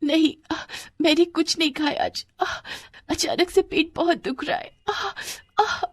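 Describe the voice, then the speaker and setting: Brief: a young poor schoolgirl, voiced by a woman, soft, high and pleading, close dry storybook read. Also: fairly even intonation, normal speed, no echo, natural voice. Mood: pained. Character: poor timid schoolgirl, gentle and hurt.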